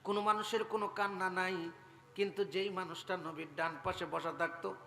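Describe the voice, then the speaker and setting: A high, bright-voiced man preaches. His delivery is dramatic, dropping to hushed storytelling and then bursting into loud calls. His voice rings through a long, echoey public-address hall over a faint background hum. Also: flat delivery, brisk, gravelly. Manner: dramatic, swings from soft narration to loud cries, chants verses. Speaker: Islamic preacher. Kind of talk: sermon storytelling. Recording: echoey public-address sound in a large venue.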